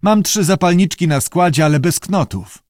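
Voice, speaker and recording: A man's voice: sits high, lively intonation, normal speed, darkish tone, no echo, studio quality, voice pushed up. A man voicing an eager male interpreter and trader who talks in a coaxing, hesitant way, in an audiobook reading.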